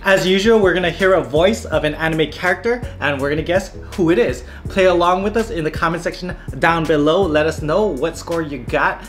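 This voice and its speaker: A young man hosting a quiz video in casual, joking, excitable chat. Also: on the high side, fairly quick, hardly any pauses. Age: young adult. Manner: animated, excitable. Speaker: host of an anime quiz video. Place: living room couch, indoors. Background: music.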